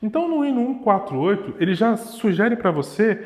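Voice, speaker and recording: Young violin teacher, slightly high voice, demonstrative, reverberant room. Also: male voice, big pitch swings, brisk, darkish tone. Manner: demonstrative, sings and vocalizes rhythms to illustrate. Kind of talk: explanatory music lesson. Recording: echoey room with long reverb. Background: violin playing.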